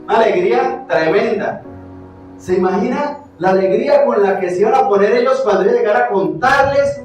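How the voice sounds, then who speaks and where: With a high voice and a slightly quick delivery, a Colombian-accented pastor preaches animatedly, questioning the congregation and moving from loud passages to hushed ones. The hall is very echoey, the mic is distant, and faint music can be heard.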